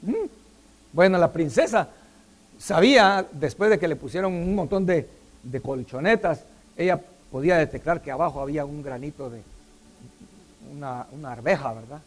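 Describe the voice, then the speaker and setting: A man's voice: a little high, lively intonation, moderate pace. A middle-aged man preaching a sermon, often putting questions to the congregation. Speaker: pastor.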